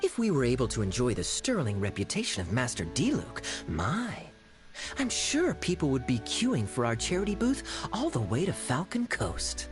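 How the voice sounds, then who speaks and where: An actor voicing a sly, charming male knight in a game who teases with smooth, wry words. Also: medium pitch, huge pitch swings, moderate pace, music in the background. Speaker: game character. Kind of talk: game voice acting.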